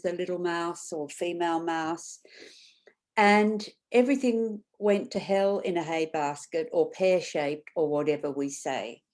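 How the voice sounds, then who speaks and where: A woman facilitator presenting an online workshop in a conversational way, pausing often with ums and restarting phrases. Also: on the low side, dark tone. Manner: thoughtful, frequent ums and restarts. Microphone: video call.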